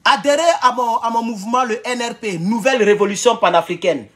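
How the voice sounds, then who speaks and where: In a rambling home live stream, a man with an Ivorian French accent talks loudly and mockingly straight into his phone, which has no external mic. His voice is extremely high-pitched and brisk.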